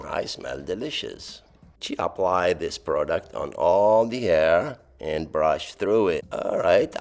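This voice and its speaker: Middle-aged man, Lebanese accent, deep and gravelly, for a playful, dryly funny tutorial voice-over. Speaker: voice-over narrator of a hair tutorial. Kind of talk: playful scripted voice-over, speaking as the hair.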